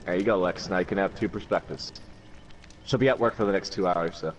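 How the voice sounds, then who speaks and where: A man's voice: low-pitched, brisk, distant mic, low-quality recording. A man chatting casually while streaming a game, joking around, laughing often and swearing freely. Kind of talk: casual gaming chat. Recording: voice a bit off-mic with faint room noise.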